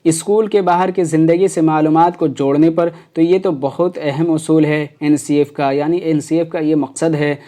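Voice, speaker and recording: Male teacher, warm relaxed tone, hesitant step-by-step exam explainer. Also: on the high side, hardly any pauses. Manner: explains step by step with many fillers. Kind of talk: exam prep lecture.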